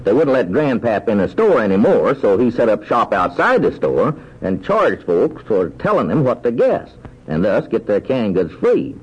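A friendly, folksy small-town man who recaps the story in an old radio drama, husky and easygoing. His voice swings widely in pitch, and the sound is dull and muffled like a vintage broadcast. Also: sing-song, moderate pace.

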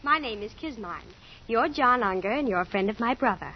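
In a muffled 1940s radio drama, an actress voices a sheltered, naive rich teenager who speaks primly, earnestly and matter-of-factly. Her voice is slightly high, expressive and brisk, with a bit of background noise.

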